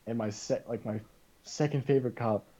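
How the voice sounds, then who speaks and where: A man as a podcast guest, telling a story casually, animated and full of "like" and quoted back-and-forth. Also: mid-range voice, fairly quick, poor audio.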